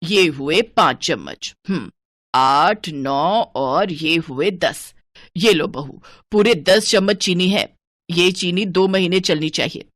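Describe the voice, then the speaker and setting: Woman playing a tightfisted nagging saas, lowish voice, dry sound, scolds all the time. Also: slow pace, no room sound. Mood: stern. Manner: scolding, penny-pinching nagging. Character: stingy bossy middle-aged mother-in-law.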